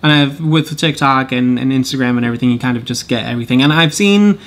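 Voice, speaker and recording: A young man reviewing films and shows in a casual vlog, rambling and correcting himself as he talks, with pitch jumping high and low for emphasis. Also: fast, fairly bright tone. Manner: rambling, self-correcting, chuckles often. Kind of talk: casual monthly review chat.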